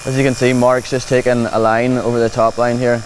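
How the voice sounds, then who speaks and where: His pitch is medium and barely moves as this brisk Northern Irish demonstrator commentates on clipping livestock. He gives a straightforward, practical explanation meant to reassure. The low-quality recording picks up clear buzzing from the clippers and machinery.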